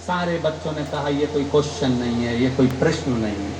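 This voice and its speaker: A kathavachak preacher, a man, delivers a devotional katha sermon full of anecdotes, speaking a little fast. He tells stories and acts out their dialogue, his pitch rising for emphasis. The sound is reverberant, with a noisy background.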